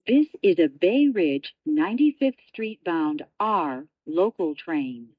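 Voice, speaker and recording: As a subway announcer, a woman reads scripted automated train announcements in clipped, segmented phrases. Her lowish voice has lively intonation and a slow pace, with no echo, in dull lo-fi transit audio.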